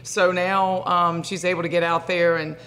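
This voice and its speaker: A woman's voice: lowish voice, flat delivery, moderate pace, a bit bright. A middle-aged woman head coach answering postgame questions at a desk microphone, thoughtful and full of fillers and restarts. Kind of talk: postgame press conference answers. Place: press conference room.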